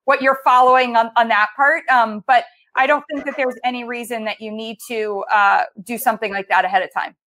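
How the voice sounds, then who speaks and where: A woman's voice: on the high side, fairly even intonation, fairly quick, few pauses, pushed and bright. A woman dietitian co-hosting a casual online cooking demo, chatty, with many fillers and restarts, speaking over a video call. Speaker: dietitian co-host.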